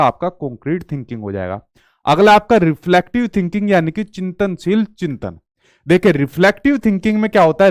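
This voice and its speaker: Guy teaching exam prep, kinda high voice, clean dry sound, keeps asking then answering himself. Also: smooth, no echo. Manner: explains slowly, asks and answers own questions.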